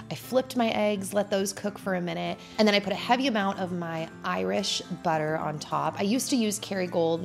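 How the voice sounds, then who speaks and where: A woman in her thirties narrates her cooking for a vlog voice-over, chatting casually at home. Her voice is lowish with vocal fry, and she's laid-back and chatty, dropping in casual fillers.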